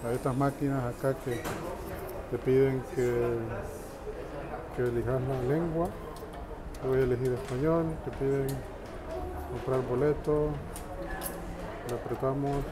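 A man casually narrating a handheld tour of an underground metro station, explaining each step to viewers in a relaxed way. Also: medium pitch, heavy background noise. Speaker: travel vlogger. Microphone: handheld phone camera. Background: station ambience and passing trains.

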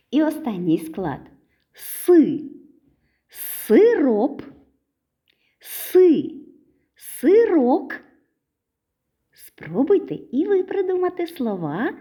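A woman teaching preschoolers a literacy lesson, stretching out syllables in a sing-song, slow and clear way. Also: on the high side, mellow.

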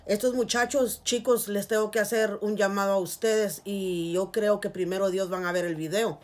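Here a middle-aged woman from Guatemala talks at normal speed in a mid-range, steady voice with a Guatemalan Spanish accent. Vlogging casually from a small room with curtains, camera before her, she earnestly pleads with viewers in a heartfelt appeal, repeating "please, guys."

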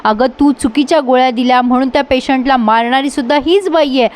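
A woman's voice: high voice, fast talker, close to an everyday voice. A woman reading an angry young doctor. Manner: accusing, indignant. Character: angry young male doctor confronting his mother.

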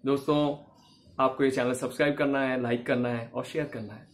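A man's voice: mid-range voice, steady tone, a little fast. A man teaching acting in a casual, chatty way, laughing often and acting out sample lines.

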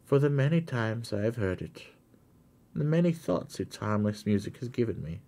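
A man voicing the gentle fairy spirit of a cricket in a storybook reading, speaking slowly and earnestly. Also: medium pitch, expressive, gravelly. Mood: tender. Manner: slow, earnest pleading.

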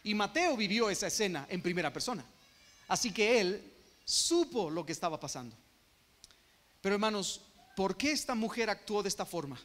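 A man preaching an expository sermon as a pastor, speaking directly to his congregation with rhetorical questions, moving between quiet asides and loud impassioned cries. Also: sits high, sing-song, moderate pace, in a large hall. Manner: addresses listeners as brothers, asks rhetorical questions. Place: church.

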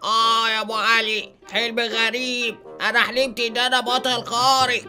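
A man with an Egyptian Arabic accent and a very bright, sharp tone bickers and whines through a gameplay comedy skit. Faint music runs behind him. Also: very high-pitched, little pitch movement, a little fast. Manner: whiny, bickering sidekick banter. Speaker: co-player in the skit.

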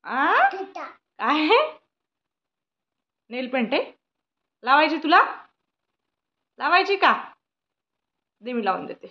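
A woman's voice: high voice, sing-song, slow, pauses often, dull audio. A young woman chatting playfully with a toddler in a home vlog, coaxing and teasing in a sing-song baby-talk voice. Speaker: vlogger.

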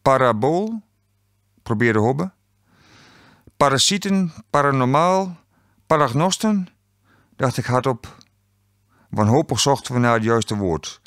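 Male author narrating own novel; dry studio sound, middle pitch, wry delivery. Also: animated, a little slow, long pauses, no room sound. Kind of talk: audiobook narration. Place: recording studio.

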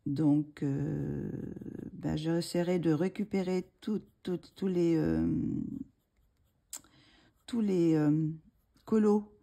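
A woman's voice: deep voice, steady tone, drawn-out words, vocal fry, pauses often, warm tone. A woman hosting a coloring tutorial, talking casually and hesitantly with many fillers and restarts, murmuring asides as she works, with a slight frog in her throat. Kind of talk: casual tutorial talk while drawing.

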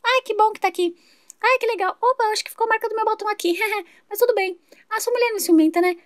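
A woman's voice: very high-pitched, fast, dry recording, clean studio sound, pitched above the performer's own voice. A woman voicing a gushing, chatty adult neighbor in a toy-figure soap opera, fawning over everyone.

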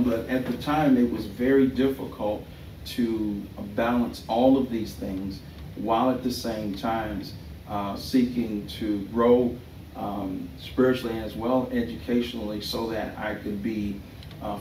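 A middle-aged man giving a thesis defense presentation in a hesitant, halting way, often rephrasing himself. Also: on the low side, warm tone. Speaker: doctoral candidate and pastor. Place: small indoor meeting room. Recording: roomy, distant mic with background noise.

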